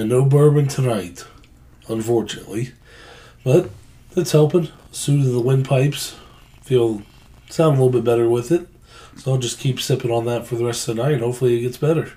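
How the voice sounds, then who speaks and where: A man hosting a casual sports podcast, with a raspy voice that sounds under the weather. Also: mid-range voice, steady tone, moderate pace, long pauses, dark tone. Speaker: podcast host.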